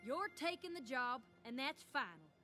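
Down-to-earth cartoon friend, plain-spoken, firm, high voice, lively pitch, music behind. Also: female voice, normal speed. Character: down-to-earth hardworking young woman, loyal friend. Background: background music.

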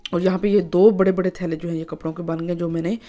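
A woman's voice: fairly low pitch, steady tone, fast talker, warm tone. A woman, narrating her home vlog in a chatty way, full of filler phrases. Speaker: vlogger.

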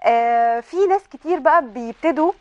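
A woman's voice: sits high, brisk, highs cut off. A woman with an Egyptian accent hosting a morning TV interview, chatty and teasing. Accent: Egyptian Arabic. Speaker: TV host.

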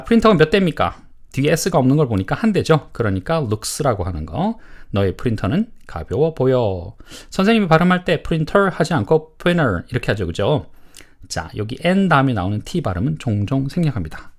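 A medium-pitched man teaches elementary English, explaining in lively bursts and reading model sentences slowly so learners can repeat them.

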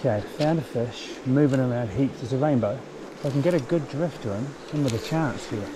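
A New Zealand man in his forties, fly fishing beside a forest river, talks excitedly into an action camera worn on his chest or held in hand. His mid-range voice is brisk and enthusiastic, full of exclamations, and the flowing river is clearly audible in the background.

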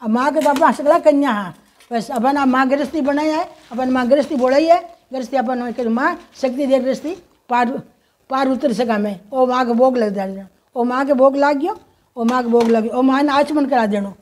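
Woman, Rajasthani accent, high-pitched, folksy, motherly, ritual instruction with slow chanting. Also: darkish tone. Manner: folksy, motherly, addresses viewers as children; slow, sing-song chanting of mantras. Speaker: home ritual teacher. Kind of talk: instructional talk with mantra chanting.

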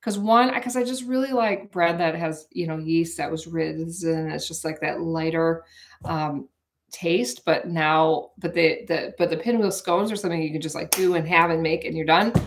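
A woman's voice: sits low, normal speed, slight background noise. Chatty woman baking live. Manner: chatty, rambling, talks to viewers. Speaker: vlogger hosting a live cooking stream. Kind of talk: casual live-stream chat while baking. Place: home kitchen, indoors. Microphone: camera on the counter.

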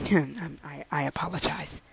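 A woman's voice: deep voice, measured pace, gravelly, breathy edge, full character voice, low-quality recording. A woman voicing a weary young male priest who mumbles and hesitates in a fan audio drama. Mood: tired.

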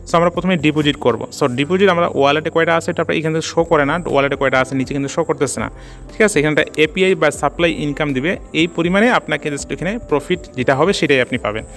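A man narrating a casual screen-recorded tutorial, talking quickly and filling his speech with "so", "just" and "okay?" checks. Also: a little high, a bit bright. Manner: rapid, peppers speech with "so", "just" and "ঠিক আছে?". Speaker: crypto tutorial channel host.

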